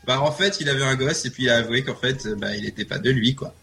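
A man's voice: mid-range voice, fast talker, vocal fry, soft background music. A man co-hosting a gaming chat, talking casually and cracking jokes. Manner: lively, joking. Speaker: podcast co-host.

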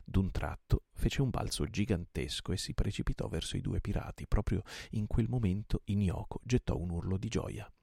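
A man narrates an old adventure novel for a night-time reading, with dramatic, lively phrasing. His voice is low and husky with heavy fry, recorded dry and close. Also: moderate pace, hardly any pauses, dry recording. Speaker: audiobook reader.

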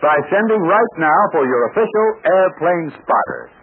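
A man's voice: on the high side, sing-song, moderate pace. A man with an American accent announcing and narrating an old radio adventure serial, with an emphatic, showmanlike delivery. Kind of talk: old-time radio announcer, scripted narration and sponsor pitch. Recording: scratchy 1940s radio recording, narrow band.

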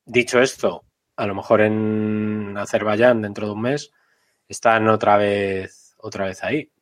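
A man's voice: fairly low pitch, fairly even intonation, a little slow. A man with a Castilian Spanish accent giving opinions casually as a motorsport podcast panelist, repeating points for emphasis. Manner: colloquial, emphatic repetition.

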